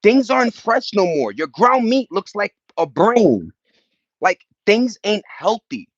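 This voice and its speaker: Sing-song and slow, a high male voice with an American accent answers viewer chat on a livestream. He rambles casually and emphatically in slangy street talk, full of passion. The recording is dry, with the highs cut off.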